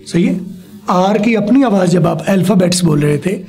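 A man teaching a spoken language lesson, slowly modeling words and having a pupil repeat them back after him. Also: high-pitched, expressive, creaky, a little mellow, faint music behind. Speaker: English teacher.

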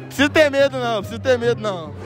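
A man's voice: very high voice, animated, rapid-fire, over music, crowd noise. A young man from Brazil vlogging in a mall, talking through a knit face mask in playful, slang-heavy banter. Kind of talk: casual street vlog. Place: shopping mall, indoors.

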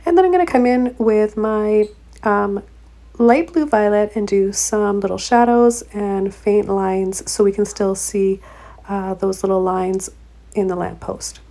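Gentle, mellow-voiced woman teaching painting. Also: mid-range voice, steady tone, unhurried. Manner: gentle, encouraging, with frequent ums and uhs. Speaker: painting instructor. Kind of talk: relaxed step-by-step tutorial narration.

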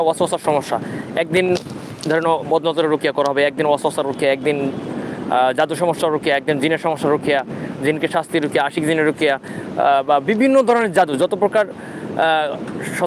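A man with a Bangladeshi accent giving informal, instructive religious talk on a livestream, often pausing to find his words. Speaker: ruqyah practitioner hosting a live Q&A. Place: outdoors at a sea beach. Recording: clear outdoor wind and rumbling noise.

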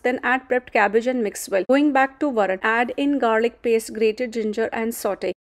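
A woman giving calm, steady step-by-step voice-over narration for her home cooking vlog. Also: on the high side. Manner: calm, steady instructional delivery. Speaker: cooking vlogger.

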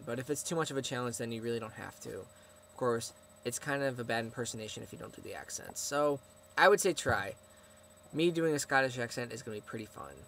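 A man's voice: mid-range voice, fairly bright tone, slight background noise. A seventeen-year-old boy chatting casually to his camera, rambling as he answers viewers' questions. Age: teens. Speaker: vlogger.

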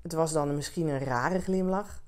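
Een vrouw die een verhaal voor volwassenen rustig en zacht voorleest als bedverhaal. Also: female voice, low voice. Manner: gentle, unhurried storytelling. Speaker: reader of stories for adults. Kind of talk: calm bedtime reading.

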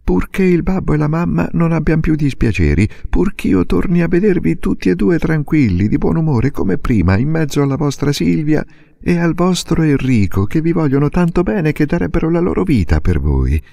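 A man's voice: fairly high pitch, sing-song, moderate pace, gravelly, dark tone, no room sound, studio quality, pitched above the performer's own voice, heavily acted. An actor playing an earnest, determined young girl who pleads and insists, in a storybook reading. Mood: earnest pleading.

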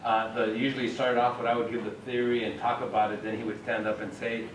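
A man, a professor leading a class discussion in casual, halting speech with many fillers. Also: medium pitch, flat delivery. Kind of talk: classroom facilitation. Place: university classroom with students. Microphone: far camera. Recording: echoey classroom, distant camera mic, background noise.

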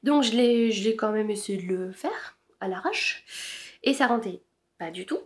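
A woman's voice: mid-range voice, animated, moderate pace. A woman chatting casually about her knitting to camera, hesitant with many fillers. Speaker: knitting podcaster. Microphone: camera-mounted shotgun mic.

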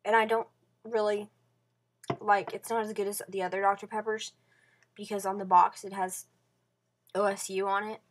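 Talking casually into her computer's webcam mic from her bedroom, a woman vlogs in a rambling way, full of fillers and restarts, her volume drifting from soft mumbles to louder bursts. Her voice is mid-range and level in tone, at a moderate pace with frequent pauses.

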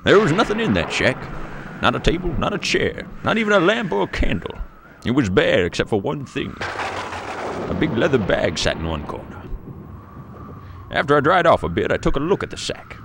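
A man's voice: medium pitch, big pitch swings, moderate pace, creaky, fairly bright tone, a little hiss or hum. A man playing an old grandfather who tells a spooky tale to a grandchild in a playful, dramatic way. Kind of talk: storybook read-aloud.

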